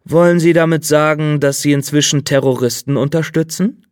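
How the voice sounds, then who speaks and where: A man's voice: fairly high pitch, steady tone, normal speed, clean tone, dry recording, clean studio sound, close to an everyday voice. A man voicing a cold, insistent middle-aged state official in an audiobook reading. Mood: threatening.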